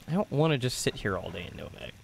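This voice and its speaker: A man's voice: medium pitch, creaky, slightly rough. A young man streaming a video game live, chatting, laughing and joking with viewers. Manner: chatty, laughing, jokey asides. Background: game music.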